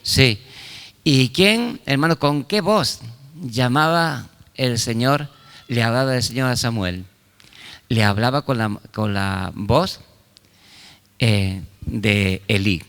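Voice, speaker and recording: A man's voice: mid-range voice, takes it slowly, long pauses, a bit bright, clean tone, long reverb tail. An older man, preaching a sermon fervently. He keeps firing rhetorical questions at the congregation and breaking in with short exclamations of praise. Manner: fervent preaching with call-and-response questions and frequent interjections. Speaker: pastor.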